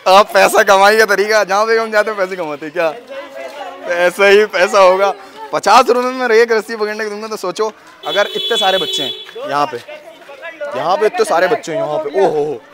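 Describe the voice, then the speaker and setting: A young man from Pakistan filming a joking vlog outdoors, excitable and often shouting at the kids around him. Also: high voice, normal speed, some chatter behind. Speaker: vlogger. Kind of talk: casual vlog commentary. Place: outdoors on a busy street.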